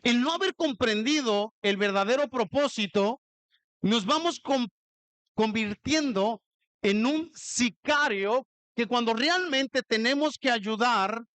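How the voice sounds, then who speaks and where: A man with a Mexican Spanish accent preaching a sermon as pastor, telling stories in an animated way and joking with the congregation. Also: very high voice, slow, dry recording. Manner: animated storytelling, jokes with the congregation.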